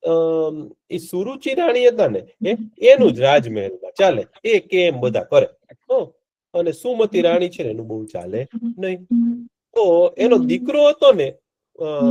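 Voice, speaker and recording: High-voiced man telling a children's story. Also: muffled recording. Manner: asks the children questions often; lively storytelling that rises and drops in pitch.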